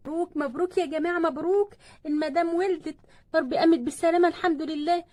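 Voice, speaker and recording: A woman's voice: extremely high pitch, steady tone, very fast, a little mellow. A woman doing a stern Egyptian doctor. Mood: pleased. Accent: Egyptian Arabic. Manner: firm and scolding. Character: brisk stern female doctor.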